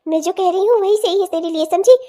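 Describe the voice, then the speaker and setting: A greedy, cruel cartoon mother who talks in a sly, gloating way and snaps into harsh threats. The voice sits very high and has a mellow, dark tone. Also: fast talker. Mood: harsh, threatening. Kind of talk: cartoon voice acting.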